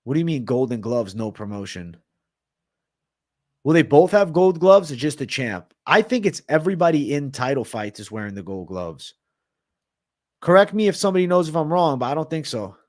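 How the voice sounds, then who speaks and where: A man's voice: mid-range voice, big pitch swings, moderate pace, a little mellow, no room sound, studio quality. A man hosting a casual livestream Q&A, reading viewer comments and talking bluntly with some swearing. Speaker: livestream host.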